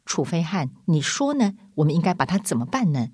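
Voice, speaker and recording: A woman's voice: on the low side, big pitch swings, brisk, a little mellow, breathy edge, no room sound, studio quality. A woman voicing a blunt, decent male dwarf who argues emphatically in a spoken storybook. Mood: indignant. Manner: emphatic, exclaiming.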